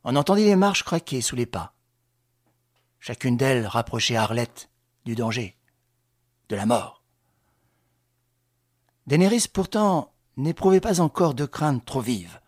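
A man reading a crime novel aloud in measured, dramatic scripted narration with a husky voice. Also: mid-range voice, big pitch swings, a little mellow, dry recording, studio quality. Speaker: audiobook reader.

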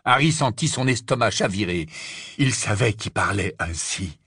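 Man reading an audiobook: slow, animated, gravelly, dry close recording. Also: on the low side, no room sound. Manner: slow, dramatic, lively. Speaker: audiobook narrator. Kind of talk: expressive scripted narration.

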